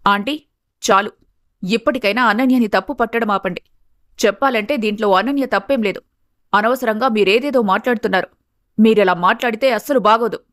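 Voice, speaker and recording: A woman voicing an angry, loyal young woman who talks in a heated, forceful way, as a storybook character voice. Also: on the high side, fairly quick, no room sound, clean studio sound, lightly acted. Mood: indignant.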